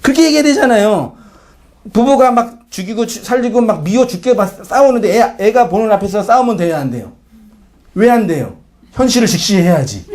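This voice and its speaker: In a conversational sermon, a male pastor with a high-pitched, darkish voice frequently asks the congregation questions. He performs brief quoted lines, shifting his voice for each.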